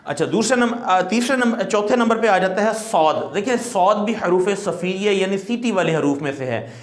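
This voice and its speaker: A man with a high voice teaches a recitation class. He explains patiently and stretches letter sounds into long demonstrations. The room adds a clear echo. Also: lively intonation. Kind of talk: classroom lesson.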